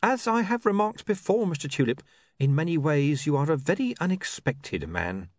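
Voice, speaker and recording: Casting: male reader doing a calm, sly crook, clipped, lifted pitch, lively inflection, close dry sound. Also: normal speed, no room sound.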